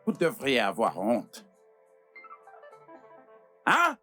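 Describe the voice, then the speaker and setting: An actor dubbing a sharp-tongued male doctor who scolds and mocks an intruder, threatening to throw him among the corpses. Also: medium pitch, huge pitch swings, extremely slow, faint music behind, exaggerated voice. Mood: scolding. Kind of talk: dubbed film acting.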